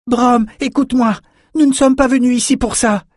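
A man's voice: very high-pitched, fairly even intonation, moderate pace, no room sound, studio quality, pitched above the performer's own voice. A man voicing a small, stubborn girl who speaks earnestly and insistently in an audiobook. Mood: pleading. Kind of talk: audiobook character voice.

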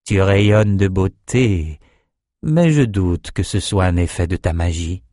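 A suave male sorcerer-ruler speaks in a low, unhurried, flattering way, as a male reader plays him. Close, dry audiobook recording. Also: no echo.

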